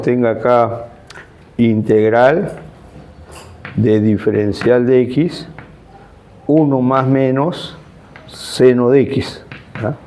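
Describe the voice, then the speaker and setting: Slow-dictating male math lecturer. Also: mid-range voice, warm tone. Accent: Peruvian Spanish. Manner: slow, deliberate dictation of formulas, frequent tag questions. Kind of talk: classroom lecture.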